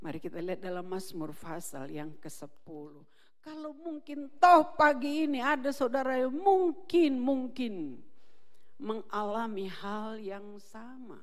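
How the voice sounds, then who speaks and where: A woman preaching a sermon and giving an impassioned personal testimony that builds to shouting. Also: a little high, lively intonation, a little slow, big-room sound. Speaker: pastor's wife, preacher. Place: church hall.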